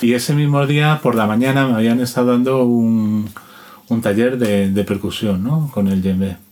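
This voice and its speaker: Informal and anecdotal, this man talks like an interviewed musician and instrument collector, sounding out rhythms in spoken syllables as he explains. His voice is medium-pitched, steady and a little mellow, at a moderate pace, with slight background noise.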